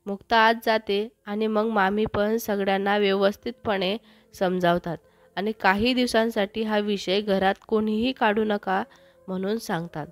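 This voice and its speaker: A woman storyteller reading a romantic story aloud in a steady, even scripted narration. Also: medium pitch, measured pace, no echo.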